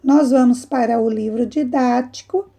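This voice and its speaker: A woman's voice: on the high side, moderate pace, dark tone. A woman, a primary school teacher giving a remote lesson to young children, explaining patiently with rising prompts.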